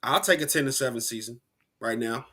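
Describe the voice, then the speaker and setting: A man co-hosting a casual sports podcast, animated and rambling, with slang and frequent restarts. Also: medium pitch, fairly quick. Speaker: podcast co-host.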